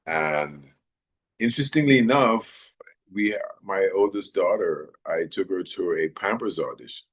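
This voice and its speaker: Very deep-voiced man, relaxed and rambling. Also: unhurried. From Jamaica, raised in Maryland. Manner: relaxed, rambling with many fillers. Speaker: actor guest. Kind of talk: casual interview chat.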